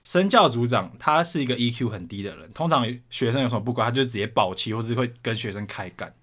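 A man's voice: mid-range voice, fast talker. A young man from Taiwan co-hosting a podcast, telling school stories in a casual chat with plenty of swearing. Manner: swears often, animated retelling. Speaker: podcast co-host.

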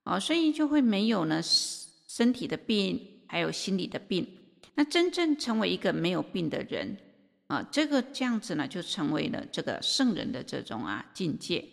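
A woman giving a Buddhist sermon and telling a story, unhurried and full of drawn-out filler particles. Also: lowish voice, big pitch swings, gravelly. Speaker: Buddhist teacher. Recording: long reverb of a hall.

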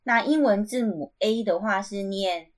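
Slow, patient woman. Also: medium pitch. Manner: patient, repeats sounds slowly and clearly. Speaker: podcast host. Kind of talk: casual language lesson.

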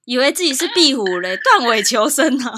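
A woman's voice: sits high, sing-song, fairly quick, sharp tone, slight background noise. A woman co-hosting a podcast in casual, exasperated chat, with muffled audio re-recorded from a phone. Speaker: podcast co-host.

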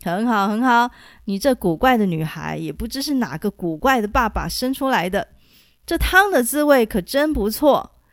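A jovial old beggar with a big appetite, hearty and boisterous in a storybook reading, as a woman puts him on. The voice sits a little high and loud, with a slow, unhurried delivery. The sound is close and dry. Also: very animated, no room sound.

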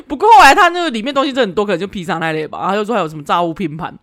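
Woman podcast host, chatty storyteller, very expressive pitch. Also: rapid-fire. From Taiwan. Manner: animated, laughs often while retelling. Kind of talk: casual storytelling.

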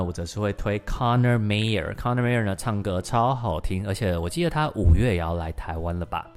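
A young man hosting an English-learning podcast lesson in a chatty, lively way, slowly modelling English sounds again and again. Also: low-pitched. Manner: chatty, lively, with many sentence-final particles.

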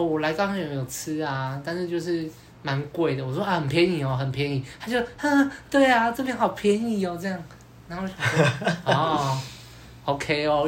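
Playing both parts of the dialogue, a male podcast host tells a story casually and with animation, filling it with fillers. His pitch is fairly high, and there's a slight hiss or hum.

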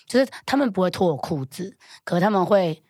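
Brief: young woman, low smoky voice, quick low-pitched storytelling, dry close mic. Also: animated, darkish tone, no room sound. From Taiwan. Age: young adult. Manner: brisk storytelling, switches into Taiwanese phrases. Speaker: county councillor guest. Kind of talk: casual interview chat.

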